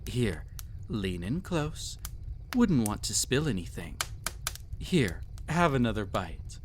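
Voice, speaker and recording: A man with a lowish voice and wide pitch swings plays a cruel, possessive young emperor who mocks and pampers a captive pet, in a scripted roleplay aimed at the listener. His manner is haughty, silky and condescending, with a theatrically drawn-out delivery and a doting, mocking mood. The background is noisy.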